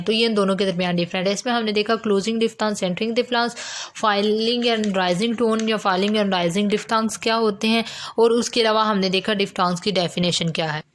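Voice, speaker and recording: A woman with a Pakistani accent teaching English phonetics in a lecture, explaining terms step by step and mixing English words into her talk. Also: medium pitch.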